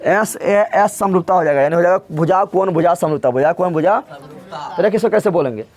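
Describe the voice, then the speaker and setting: Speaking briskly in a high-pitched, somewhat mellow voice, a man tutors a live math class. Key words get repeated three times, and he prompts the class to echo each one back through repetitive questioning.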